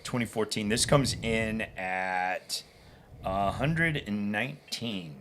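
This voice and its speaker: Relaxed lower-voiced man at a tasting. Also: takes it slowly, slight background noise. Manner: relaxed, rambling with restarts. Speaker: guest whiskey collector. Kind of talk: casual tasting chat.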